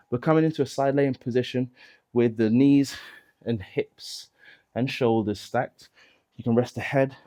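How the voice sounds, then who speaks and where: A man leading a mat Pilates workout, calmly cueing each movement and counting the reps, somewhat out of breath. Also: medium pitch. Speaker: Pilates instructor. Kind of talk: guided workout instruction.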